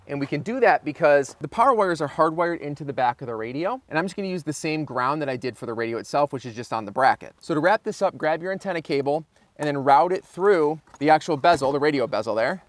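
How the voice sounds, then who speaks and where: This car installation channel host speaks fairly high and expressively, talking fast with no room sound. He walks through a hands-on job informally, thinking aloud as he works.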